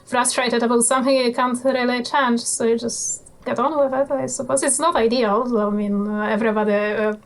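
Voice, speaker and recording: This guest is a motorcycle traveller from Poland, a woman in her twenties with a Polish accent and a slightly high voice. In a casual interview chat her intonation stays fairly even, and her laid-back, offhand delivery halts with many fillers.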